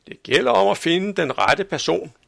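A gentle, courteous old gentleman who is proud of himself and speaks with careful politeness, as a man voices him in a storybook. His voice is lively and gravelly, slightly raised, and sounds close and dry. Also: high voice, no echo, pitched above the performer's own voice, exaggerated voice. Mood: earnest. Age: older. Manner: polite, gentle, a bit pompous. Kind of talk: storybook reading.

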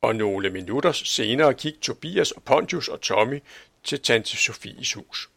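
A man reads a children's story aloud with a lively, sing-song delivery. His voice is gravelly yet bright, and the recording is close and completely dry. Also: mid-range voice, no echo. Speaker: narrator. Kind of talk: storybook reading.

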